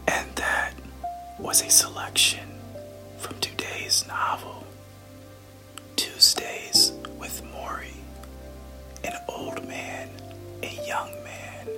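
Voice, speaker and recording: A podcast host reading a novel aloud entirely in a hushed, unvoiced whisper, delivering the passages evenly. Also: low-quality recording. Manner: slow, hushed, even delivery of book passages.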